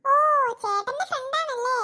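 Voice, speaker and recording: A squeaky little cartoon boy, eager and chirpy, full of polite excitement, as a woman acts him out. His voice sits very high and bright, ringing with a sharp edge. Every line comes out quick to please. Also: a little hiss or hum, heavily acted. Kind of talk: cartoon voice acting.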